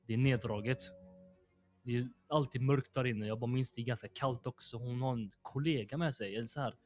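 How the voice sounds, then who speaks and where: A man's voice: medium pitch, a little mellow, soft background music. A young man, a podcast host telling a long story in a rambling, slangy way full of fillers.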